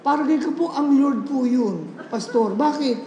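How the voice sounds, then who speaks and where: A man, a pastor, preaching a sermon with animated storytelling, mixing in English phrases and laughing often. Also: very high voice, unhurried, lo-fi sound. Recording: echoey hall with faint background noise.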